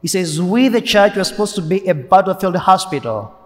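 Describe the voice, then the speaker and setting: A priest giving a Sunday homily in an earnest, emphatic way, repeating key phrases, heard with a cathedral echo. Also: male voice, high voice, lively intonation, a little fast. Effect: cathedral echo, long church reverb. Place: large church. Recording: long echo of a large church.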